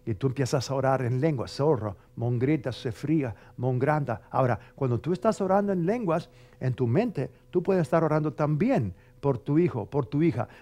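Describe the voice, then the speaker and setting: A man preaching a television sermon as a pastor, emphatic and conversational, often checking in with his listeners and acting out prayer styles. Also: fairly high pitch. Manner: emphatic, conversational, with frequent rhetorical tags; mimics dramatic prayer voices loudly for effect.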